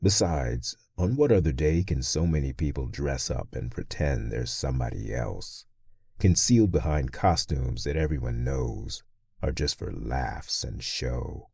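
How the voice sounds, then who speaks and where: Very deep, gravelly male horror narrator. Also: animated, a little slow, mellow, no echo, clean studio sound. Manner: brooding, menacing. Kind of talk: first-person horror story narration.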